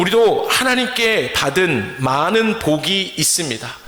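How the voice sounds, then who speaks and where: Lively, bright-voiced male pastor preaching. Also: high voice. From Chungcheong, Korea. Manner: asks the congregation questions and leads call-and-response. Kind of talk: sermon. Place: church sanctuary. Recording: echoey church hall.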